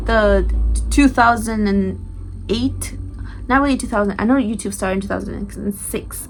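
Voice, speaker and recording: A young woman from Romania with a Romanian accent that has Scottish and London traces, chatting casually to the camera in a rambling vlog. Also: mid-range voice. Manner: chatty, rambling, restarts often, laughs at herself. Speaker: YouTuber.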